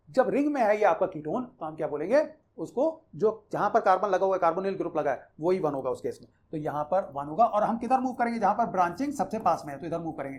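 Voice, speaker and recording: A man's voice: high voice, darkish tone. Man, chemistry teacher, online lesson, conversational, explanatory, repeats key rules. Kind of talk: explaining IUPAC naming in a Hindi-English mix.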